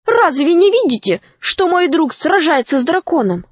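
A brave young girl in a fairy tale, voiced by a woman reading aloud. She speaks high and urgent, indignant when wronged. The recording is dry and close. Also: very animated, normal speed, no room sound. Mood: stern.

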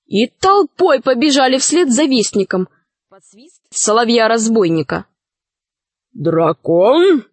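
A woman reads a fairy tale aloud expressively in a fairly high voice. The sound is close and dry. She keeps an even storytelling flow. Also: unhurried, breathy edge, no echo. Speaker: audiobook narrator. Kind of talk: storybook narration.

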